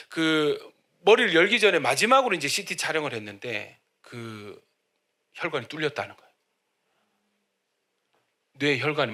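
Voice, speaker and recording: A man preaching a sermon as pastor, telling a story and acting out the people in it. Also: a little high. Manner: storytelling, acting out quotes, loud cries. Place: church hall.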